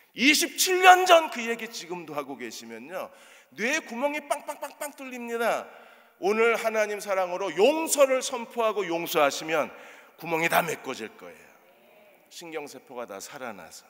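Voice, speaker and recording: Lively male pastor preaching in a church. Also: high-pitched. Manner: animated, asks the congregation rhetorical questions. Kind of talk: sermon. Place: church sanctuary. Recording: long church reverb.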